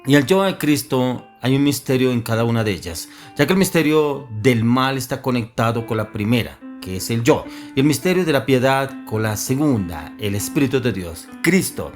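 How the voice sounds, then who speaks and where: A man's voice: mid-range voice, animated, moderate pace, hardly any pauses, soft background music. Earnest male preacher asking pointed questions. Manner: earnest, asks many rhetorical questions. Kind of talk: sermon.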